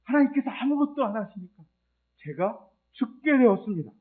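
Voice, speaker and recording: Give me an exhausted, indignant male prophet, put on by a preacher, pitched up and accusing, through a thin phone-like line. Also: sing-song, a little fast. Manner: pleading, accusing, raised voice. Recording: tinny phone-like sound.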